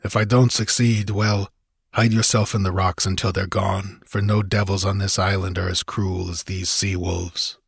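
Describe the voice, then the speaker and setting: A man's voice: sits low, little pitch movement, moderate pace, gravelly, breathy edge, no room sound, clean studio sound, full character voice. A man voicing a tall, fierce barbarian warrior who talks with challenging scorn. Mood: grave. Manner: challenging, sneering.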